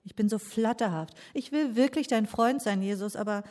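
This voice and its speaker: A woman voicing a remorseful male apostle who confesses his failings slowly and humbly during a sermon. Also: fairly high pitch, darkish tone, lightly acted. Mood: contrite.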